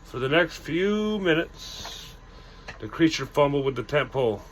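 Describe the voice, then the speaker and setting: A man's voice: fairly high pitch, expressive, a little slow, fairly bright tone, a little hiss or hum. A man hosting a ghost story channel, telling a tale casually with loose self-corrections and dramatic emphasis. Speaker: storyteller host.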